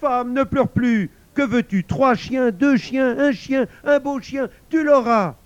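A man's voice: extremely high pitch, very slow, vocal fry, no echo, dull audio, pitched above the performer's own voice, exaggerated voice. Man doing a frantic henpecked scholar. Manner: pleading, frantic, wailing. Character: flustered old scholar, henpecked husband.

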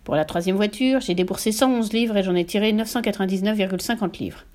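A woman's voice: medium pitch, quick pace, darkish tone, lightly acted. A woman voicing a smug, bullying middle-aged father in an audiobook, bragging and barking. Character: boastful, bullying middle-aged father, used-car dealer.

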